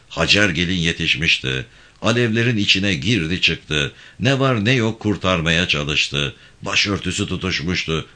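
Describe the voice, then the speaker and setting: A man reading a novel aloud, expressive and raising his voice for the characters' lines. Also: sits low. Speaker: audiobook reader. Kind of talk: read-aloud novel narration.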